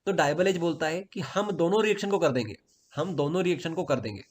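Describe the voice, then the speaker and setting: Hindi-speaking guy from madhya pradesh teaching chemistry, slightly high voice, repeats everything twice. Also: brisk. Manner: repeats key points, asks and answers own questions. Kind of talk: casual exam-prep lesson.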